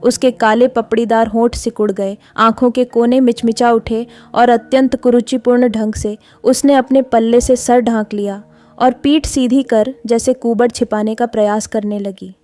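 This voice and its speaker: A woman reading a classic short story aloud in a steady storytelling manner. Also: fairly high pitch, normal speed, soft background music. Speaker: narrator.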